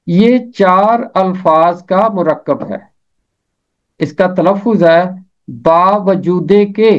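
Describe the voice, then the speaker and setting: A man teaching pronunciation, repeating each word slowly and carefully. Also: high-pitched. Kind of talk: slow deliberate pronunciation lesson. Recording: dull lo-fi recording.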